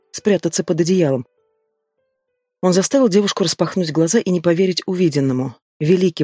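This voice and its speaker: A man giving a steady, expressive scripted narration of a fantasy novel as an audiobook narrator. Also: on the high side, no echo, studio quality.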